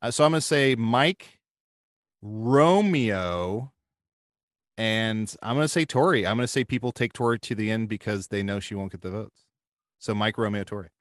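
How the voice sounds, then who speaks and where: A man's voice: fairly low pitch, moderate pace, no room sound, studio quality. Rambling man thinking aloud in chat. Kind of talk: casual chat.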